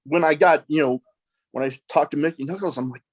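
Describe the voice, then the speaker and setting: A man's voice: fairly high pitch, a little fast. A man hosting a podcast interview, talking casually and hesitantly with many restarts and "you know" fillers. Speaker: podcast host.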